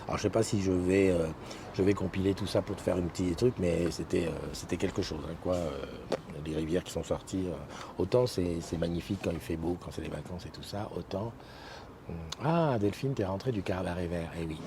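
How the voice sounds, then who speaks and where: Low-voiced man hosting a halting live chat. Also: noisy background. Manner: hesitant, halting, many fillers and restarts. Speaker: morning show host. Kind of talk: casual live-stream chat, reading viewer comments. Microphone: desk microphone.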